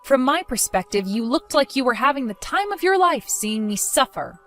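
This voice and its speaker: A woman's voice: sits high, very animated, moderate pace, fairly bright tone, soft background music. A woman voicing a protective young mother in a dramatized story, accusing and sarcastic.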